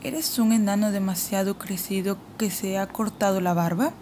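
A woman's voice: medium pitch, normal speed, mellow, natural voice. A woman voicing an imperious queen who questions sharply and impatiently, in an audiobook reading with a faint hiss behind. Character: cold imperious queen, commanding and suspicious.

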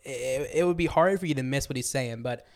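A man's voice: medium pitch, fairly quick, vocal fry, a little mellow. A young man co-hosting a podcast, chatting about music in an enthusiastic, rambling way with many restarts. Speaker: podcast co-host. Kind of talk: casual music review chat.

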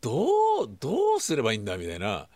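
A man's voice: on the low side, wildly swooping pitch, rapid-fire, no echo. A man hosting his own radio show, reading a mock-serious mission briefing in a stern voice, then chatting casually and animatedly. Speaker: podcast host. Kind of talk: casual solo radio talk. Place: small studio.

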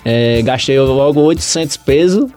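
A man's voice: medium pitch, moderate pace, darkish tone, soft background music. Rambling man telling a story. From Paraíba, Brazil. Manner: rambling, with frequent "entendeu?" and "velho". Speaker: guest. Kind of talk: casual podcast storytelling.

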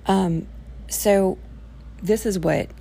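A woman's voice: medium pitch, steady tone, extremely slow, gravelly, warm tone, breathy edge. A woman leading an informal self-help workshop, rambling as she thinks aloud. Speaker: workshop presenter.

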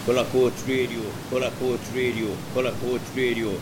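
A man playing a lifeboat crewman over loud hiss. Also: medium pitch, little pitch movement, normal speed, lightly acted. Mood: firm. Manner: clipped radio procedure. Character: male lifeboat crewman on the radio.

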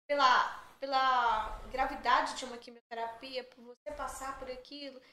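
A middle-aged woman with a high-pitched voice talks at a normal pace as a podcast guest, telling stories in a chatty, joking, animated way. It's casual storytelling chat, recorded in an echoey room with faint background noise.

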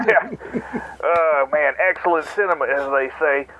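A man's voice: a little high, measured pace, sharp tone, slight background noise, rough recording. A man leaving a goofy, rambling voicemail message for a show, played back over the phone. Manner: goofy, jokey, self-mocking.

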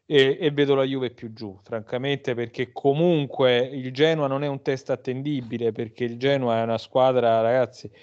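A man's voice: mid-range voice, little pitch movement, moderate pace, few pauses, darkish tone. A man on a podcast panel talking football casually, often interrupting and restarting himself. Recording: slightly dull, lo-fi podcast audio.

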